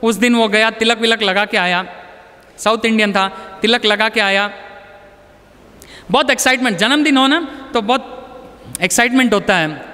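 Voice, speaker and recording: Motivational speaker, male, very high and bright-toned, chatty storyteller. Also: moderate pace, pauses often, big-room sound. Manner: conversational, anecdotal, mixes in English words. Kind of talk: storytelling talk to an audience.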